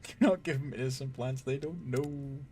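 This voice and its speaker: A man's voice: mid-range voice, moderate pace, warm tone, faint music behind. A man giving casual gameplay commentary, chatty, laughing often and swearing freely. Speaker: gaming streamer.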